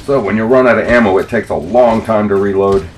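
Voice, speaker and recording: A man with a fairly low voice talks casually through a video game as its commentator. There is faint noise behind him. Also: a little fast. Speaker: gameplay commentator. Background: quiet video game sounds.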